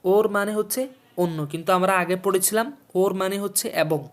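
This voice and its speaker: A high-pitched male voice belongs to a Bangladeshi Urdu teacher leading a textbook lesson in a video series. He moves at a steady, patient pace, pronouncing new words, explaining and repeating their meanings, and checking comprehension by quizzing the listener often.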